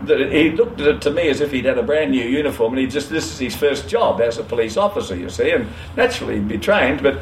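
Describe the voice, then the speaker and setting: A man's voice: medium pitch, lively intonation, fast talker, hardly any pauses. An older Australian man telling a long anecdote for an oral history interview, rambling with many "you know"s and self-corrections. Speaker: interviewee, former trucking company owner. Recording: roomy echo, faint ambient noise.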